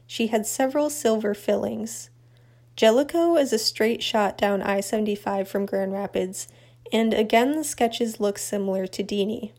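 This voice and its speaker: A woman narrating a true crime update in an even, matter-of-fact scripted read. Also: mid-range voice, normal speed.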